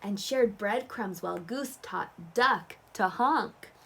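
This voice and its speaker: A woman reading a picture book aloud to toddlers, animated and coaxing, with simple questions and playful sounds. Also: mid-range voice, slow, vocal fry, a little hiss or hum. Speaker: storyteller reading a picture book to young children.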